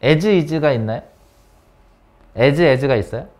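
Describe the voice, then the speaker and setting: Lively and coaxing, a man runs an English grammar class at an academy, asking students a stream of questions in English and addressing them by name. His voice sits a little high, and he draws out his words.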